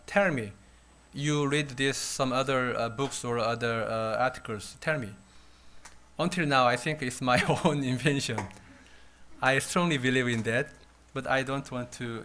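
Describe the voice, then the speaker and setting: A man in his fifties from South Korea with a Korean accent, giving a university lecture in a halting, thoughtful way with frequent pauses. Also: mid-range voice, sharp tone, slight background noise. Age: 50s. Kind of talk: classroom lecture.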